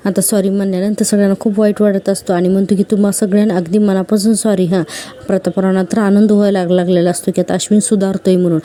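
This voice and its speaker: A woman's voice: medium pitch, little pitch movement, quick pace, mellow. A woman casually recapping a television serial episode, retelling scenes and quoting the characters' lines in a chatty way full of fillers.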